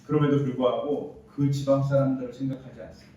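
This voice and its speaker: Male pastor preaching, mid-pitched and mellow, picked up from far off in an echoey sanctuary. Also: flat delivery, fast. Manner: explaining scripture with quoted dialogue, rising emphasis. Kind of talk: sermon. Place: church sanctuary. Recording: distant roomy church recording, dull sound.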